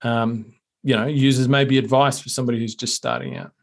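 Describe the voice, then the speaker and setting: A man's voice: medium pitch, very animated, brisk, creaky. Upbeat male podcast host. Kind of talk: casual interview and scripted promo read.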